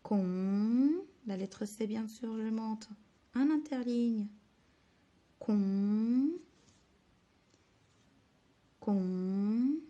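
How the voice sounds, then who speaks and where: A woman's voice: on the high side, very slow, long pauses, warm tone, dull audio. A woman teaching children handwriting, spelling out letters and syllables one by one and often dropping to a whisper.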